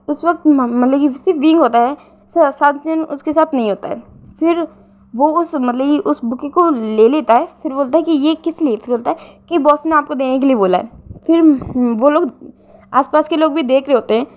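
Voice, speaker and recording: A woman casually retelling a romance fan story, often pausing with fillers and correcting herself. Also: high voice, highs cut off. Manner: frequent fillers and self-corrections.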